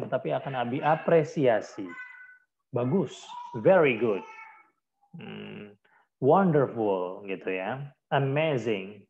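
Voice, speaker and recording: Indonesian-accented male teacher, throat clearing. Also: medium pitch, phone-quality sound, a little hiss or hum. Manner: slow, deliberate English phrases amid Indonesian explanation. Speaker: English teacher. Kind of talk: online class lesson.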